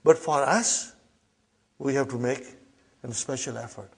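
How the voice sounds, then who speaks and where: A man's voice: mid-range voice, vocal fry, darkish tone, breathy edge. A man teaching an Arabic class, who often repeats his points and checks in with the students after each one. Arabic is not his first language. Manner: slow, repeats points, checks in with "huh?" and "okay?"; addresses students as brothers and sisters. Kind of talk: classroom lesson.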